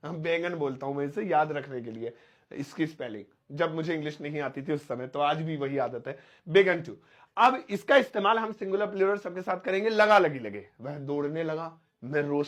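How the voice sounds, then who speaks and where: A man's voice: high voice, fairly bright tone. A man, teaching English grammar in a chatty way, stretching out and repeating his example sentences. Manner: explains slowly, spelling out words and repeating examples. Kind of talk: spoken English lesson explained in Hindi.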